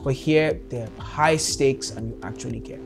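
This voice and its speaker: A man co-hosting a casual film review, talking in a relaxed, emphatic way with repeated phrasing. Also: medium pitch, moderate pace, gravelly, soft background music. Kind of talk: casual movie review chat.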